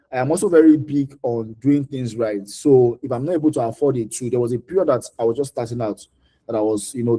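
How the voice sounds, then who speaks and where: A man speaking with a Nigerian accent hands out informal career advice in response to audience questions at a mentoring session, repeating important points to drive them home. His mid-range voice is warm with a breathy edge.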